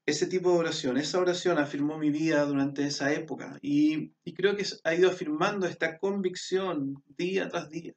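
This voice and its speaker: A male pastor, preaching and praying earnestly, repeating his phrases and often dropping to a soft hush. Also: fairly high pitch, fairly even intonation, normal speed, few pauses, far from the mic. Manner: earnest, repetitive and prayerful, often softening to a hush. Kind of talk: sermon.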